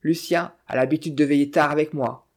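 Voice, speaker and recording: A narrator voicing an elderly, ailing American man with a strong, sonorous voice and a good-natured, deadpan manner. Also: mid-range voice, fairly quick, close to an everyday voice. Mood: genial.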